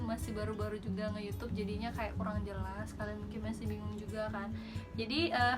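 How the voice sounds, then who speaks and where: A woman from Indonesia talks casually to her viewers in a slightly high voice. She rambles informally and corrects herself as she explains. Prominent music runs behind her. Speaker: vlogger and flight attendant giving tips. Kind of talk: casual chatty tutorial vlog.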